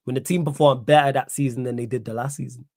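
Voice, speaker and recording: This young livestream host, who has a Manchester accent, reads his chat aloud and answers back indignantly, saying things twice for emphasis. He talks fast in a steady, medium-pitched, slightly mellow voice, recorded in clean studio sound without echo.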